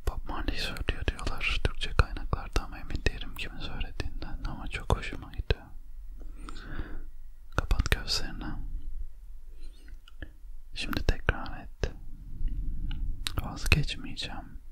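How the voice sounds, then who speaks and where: Male ASMR host, thirties, quiet late-night delivery, fully whispered and breathy, slow soothing bedtime encouragement addressed to one listener. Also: no room sound. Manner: quiet, as if at night before sleep. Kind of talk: ASMR motivational talk. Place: small lamp-lit room at home.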